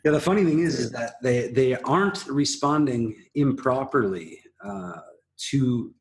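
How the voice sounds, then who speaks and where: Husky man hosting a TV recap. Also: medium pitch, expressive, a little slow. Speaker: host of a TV recap show. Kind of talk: conversational episode analysis.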